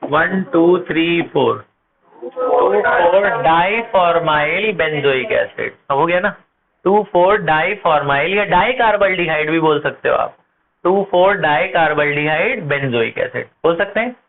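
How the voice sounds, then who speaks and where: A man teaching chemistry at a board, asking his class questions and answering them himself, slowing down to spell out compound names. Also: fairly high pitch, creaky, crowd noise. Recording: tinny phone-like audio with faint noise.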